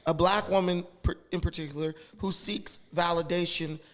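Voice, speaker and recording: A man's voice: sits high, steady tone, normal speed, fairly bright tone. A man guest on a podcast, talking in a blunt, crude and insistent way. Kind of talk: heated casual talk.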